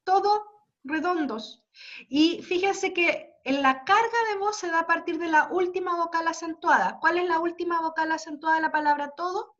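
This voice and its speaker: A woman's voice: very high-pitched, moderate pace, a bit bright. A woman teacher giving an online class, explaining patiently step by step and often checking that her students follow. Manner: patient, explains step by step and checks understanding with frequent tag questions. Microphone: computer mic on a video call. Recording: dull lo-fi video call audio.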